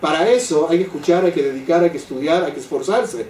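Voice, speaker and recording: An older man leading a Torah class for a live group, often checking in with "¿sí?" and slowing down to stress key phrases. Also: a little high, expressive, a little mellow. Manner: keeps asking "¿sí?" to his listeners. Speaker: Torah teacher. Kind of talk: religious class lecture. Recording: echoey room, voice from a distant mic, faint background noise.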